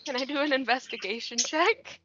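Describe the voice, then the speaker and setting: A woman's voice: high voice, fairly quick, muffled recording, music in the background. A woman playing a tabletop roleplaying game, trading casual banter with the group.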